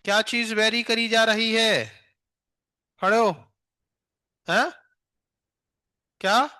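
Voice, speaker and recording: A man's voice: high voice, steady tone, takes it slowly, bright, forceful tone, clean tone, no room sound, studio quality. A male physics teacher in a classroom, firing questions at students and teasing them, with an Indian accent in his English.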